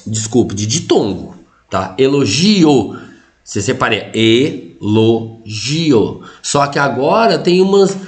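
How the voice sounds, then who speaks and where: A Brazilian man teaching a Portuguese grammar lesson for exam prep, explaining step by step and joking with his students. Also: medium pitch. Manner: explanatory, lively, jokes with students, frequent "tá?" and "ó".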